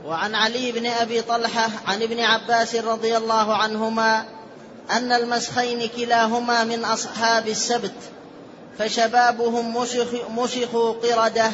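A man with a very high voice reads a classical text aloud in a lesson, measured and formal, carefully marking each vowel. His delivery stays flat and even throughout. The recording is muffled and lo-fi under a light hiss. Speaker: student reading the text aloud. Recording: dull lo-fi with faint hiss.

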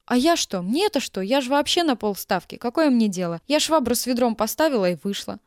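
Woman reading as a flustered older nanny, excuse-making, high voice, dry sound. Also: expressive, a little fast, no echo, close to an everyday voice.

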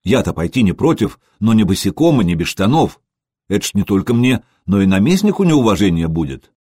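A man's voice: fairly low pitch, sing-song, fairly quick, warm tone, breathy edge, dry recording, studio quality. A man voicing a young soldier who reports plainly to his chief. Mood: matter-of-fact.

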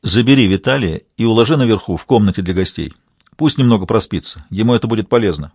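A man's voice: lowish voice, expressive, fast talker, slightly rough, no room sound, clean studio sound. A man reading an audiobook, voicing a gloomy, curt wealthy man who answers firmly and shortly. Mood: tired.

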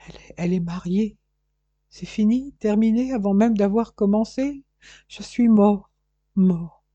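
A man's voice: on the high side, steady tone, moderate pace, warm tone, husky, no echo, dull audio. A man voicing a heartbroken, lovesick young man who pleads and despairs. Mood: despairing.

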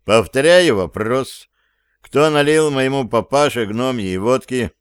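Man reading as a stern, exasperated boss in an audiobook, slow and interrogating, in a smooth, clear voice. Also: medium pitch, dry recording, studio quality, natural voice. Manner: scolding, interrogating. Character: stern exasperated male chief.

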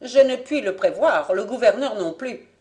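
A reader doing a formal, higher-voiced interpreter. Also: male voice, animated, normal speed, a little mellow. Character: foreign male interpreter, formal and unmoved.

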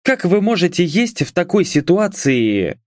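A tense, snappish young woman lawyer, put on by a man reading an audiobook, her voice pushed well up into a higher register. She complains sharply and curses when rattled. The sound is dry and close. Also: big pitch swings, unhurried, no room sound. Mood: indignant. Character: irritable blonde young woman lawyer, nervous.

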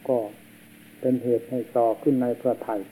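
A man, a monk, giving a slow and solemn sermon, heard on an old worn tape. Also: mid-range voice, little pitch movement, mellow, rough recording. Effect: old worn tape recording.

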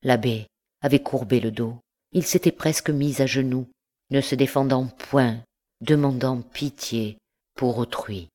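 Woman reading a novel aloud. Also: rumbling low. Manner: measured, expressive reading. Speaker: audiobook narrator. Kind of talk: scripted narration.

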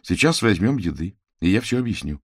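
A young male student who leads his group, firm and commanding, as a man reads him. The tone is slightly raised over a low natural voice. The sound is close and dry. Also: big pitch swings, fairly quick, husky, no echo, exaggerated voice.

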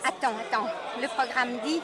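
A woman's voice: fairly high pitch, normal speed, close to an everyday voice. An actress playing a smitten, eager young townswoman with a girlish manner in a costume drama. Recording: busy crowd noise behind.

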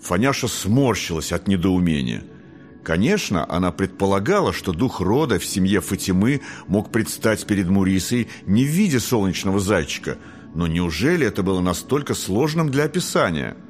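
A man reading a storybook aloud in an expressive storytelling narration. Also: low-pitched, moderate pace, faint music behind. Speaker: audiobook reader. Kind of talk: scripted narration.

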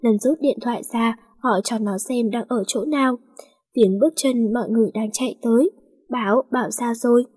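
Woman, story narrator, steady plain reading, husky voice. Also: a little high, fairly quick. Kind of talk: read-aloud romance story narration.

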